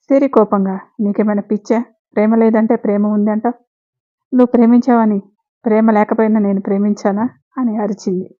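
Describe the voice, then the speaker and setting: A woman hosting a storytelling channel reads a love story aloud, voicing every character in her own voice. She has a medium-pitched, warm voice, and the sound quality is lo-fi.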